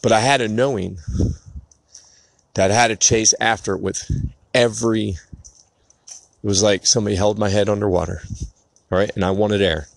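Podcast guy telling a personal story, kinda low voice, earnest and emotional, rambles a bit, dry close sound. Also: steady tone, moderate pace, creaky, pauses often, no echo. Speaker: podcast host.

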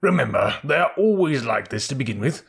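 A man's voice: mid-range voice, big pitch swings, brisk, gravelly, a bit bright, husky, full character voice. A man voicing a proud, dignified male cavalry troop horse in a storybook, speaking in a stately way. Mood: steady. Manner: indignant and stately.

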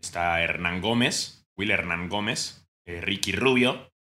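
Man, Mexican accent, young adult, podcast co-host, casual joking chat, bright tone. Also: low-pitched, unhurried. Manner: joking, bursts into mock shouting.

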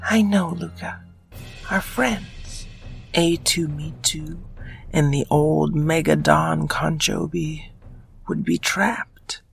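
A man voicing a confident young sister fish in a read-aloud story, with bright, offhand chatter. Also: a little high, steady tone, slow, creaky, heavily acted. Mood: breezy. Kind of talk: storybook character voice. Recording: voice a bit far from the mic, faint music.

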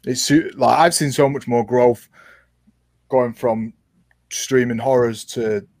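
A man's voice: mid-range voice, steady tone, takes it slowly, a little mellow, no room sound. A young British man, a guest streamer, chatting casually and laughing often.

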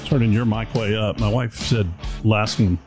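A man's voice: fairly low pitch, fairly even intonation, normal speed, music in the background. A man hosting a podcast in casual chat, talking in a rambling, chatty, self-deprecating way. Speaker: podcast host. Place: indoor room.

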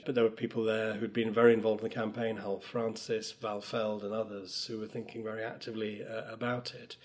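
A middle-aged man from Wales, a former politician answering interview questions thoughtfully, with frequent fillers. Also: fairly low pitch. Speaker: guest, professor and former politician.

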